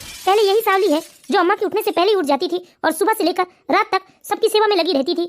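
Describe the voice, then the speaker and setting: A voice actor playing a grown son and husband in an animated family story, earnest and trying to keep peace. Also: very high-pitched, fast talker. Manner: earnest, pleading. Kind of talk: animated moral story voice acting.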